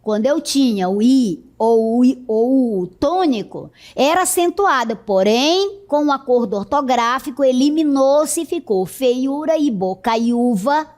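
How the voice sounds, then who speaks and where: This recorded lesson comes from a woman teacher with a Brazilian Portuguese accent whose high voice is animated and slightly mellow. She explains slowly and patiently, frequently checking in with students by asking "certo?".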